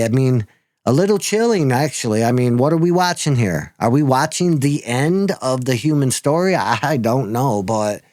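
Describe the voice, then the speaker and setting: A man's voice: mid-range voice, a little mellow, no room sound, clean studio sound. A man hosting his own video channel, talking in a casual monologue that halts often, repeats words and swears casually. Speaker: video host.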